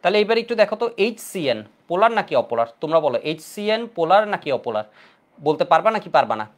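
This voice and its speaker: A man's voice: on the high side, very animated, rapid-fire. A man with a Bangladeshi Bengali accent teaching chemistry in an online class, quizzing students with repeated questions.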